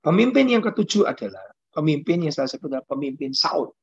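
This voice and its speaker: Husky-voiced pastor preaching. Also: male voice, a little high, sing-song, quick pace, a little mellow. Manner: preaching with rhetorical questions and sudden rises. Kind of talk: sermon. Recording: dull lo-fi sound.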